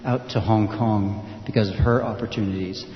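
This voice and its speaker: A man from the United States speaks at a panel event in a lowish voice. He moves quickly through his story and corrects himself along the way. The recording is dull and roomy, with a long hall echo and faint hiss. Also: fairly even intonation. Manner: quick, loosely structured, self-correcting.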